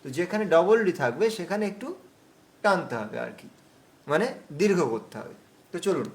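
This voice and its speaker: A man teaching an online recitation class over a video call, patient and explaining slowly, drawing out words as he recites. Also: sits high, sing-song, vocal fry.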